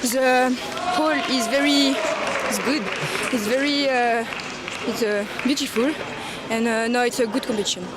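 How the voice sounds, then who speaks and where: A woman's voice: on the high side, fairly even intonation, normal speed. A woman with a French accent and French as her first language, giving a post-match interview as an athlete, searching for words in limited English. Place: indoor sports hall at a competition. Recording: noisy sports hall with loud crowd.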